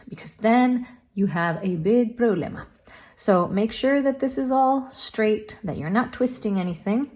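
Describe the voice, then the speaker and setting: A woman's voice: mid-range voice, a little mellow. A woman giving a casual knitting tutorial, talking while she works and counting stitches under her breath.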